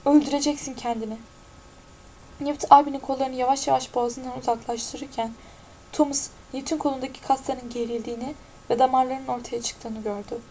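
A woman narrating an audiobook in a steady, even-toned reading. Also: sits high, brisk, a little hiss or hum, rough recording.

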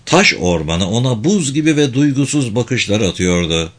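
A man narrating an audiobook in a measured, expressive reading voice. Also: medium pitch, breathy edge.

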